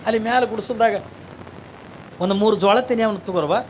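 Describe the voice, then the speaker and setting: A man voicing a gentle wandering holy man. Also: high-pitched, moderate pace, a little hiss or hum, voice pushed down, lightly acted. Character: kindly wandering male holy ascetic.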